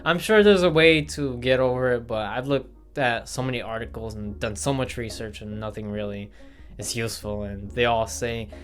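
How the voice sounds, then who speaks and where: A young man talks straight to camera in an indoor room, rambling through facts about himself with fillers and restarts. His pitch sits mid-range for a man. Soft guitar music plays faintly behind him. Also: moderate pace. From Milwaukee, Wisconsin, USA. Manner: rambling, filler-heavy, self-correcting. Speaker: vlogger. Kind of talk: casual facts-about-me vlog. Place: indoor room with studio lights. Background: faint background guitar music.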